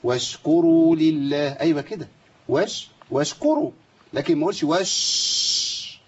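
Husky Egyptian tajweed teacher, slightly high voice. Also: male voice, very animated, normal speed, a bit bright, lo-fi sound. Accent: Egyptian Arabic. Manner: quizzes students by name, demonstrates and corrects errors. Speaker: Quran recitation teacher. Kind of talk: live tajweed lesson with recited examples.

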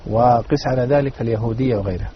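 Fast-talking man in formal standard Arabic. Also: medium pitch. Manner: formal standard Arabic, preacherly, addresses listeners as brothers. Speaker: religious panel speaker. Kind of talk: religious panel discussion in formal standard Arabic. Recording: dull, noisy radio-like sound.

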